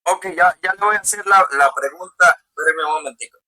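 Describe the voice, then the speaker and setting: A man, a pastor on a video call in a religious debate, speaking haltingly with restarts. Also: high-pitched, sharp tone, poor audio. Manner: halting, fumbles with his camera and restarts words.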